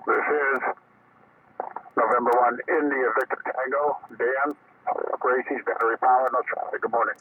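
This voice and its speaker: A man's voice: medium pitch, fairly even intonation, normal speed. Man on a radio signal breaking up. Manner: terse call-sign radio procedure. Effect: choppy radio signal breaking up. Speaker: amateur radio operator checking in. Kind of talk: radio net check-in. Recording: tinny two-way radio with faint hiss.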